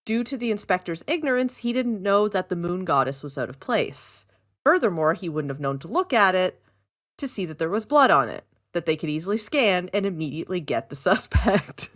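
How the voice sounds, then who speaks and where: A woman co-host talks through an episode recap in a loose, chatty way. Her pitch swoops up and down freely as she gets excited, and she breaks into giggles and dry sarcastic asides. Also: normal speed. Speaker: podcast co-host.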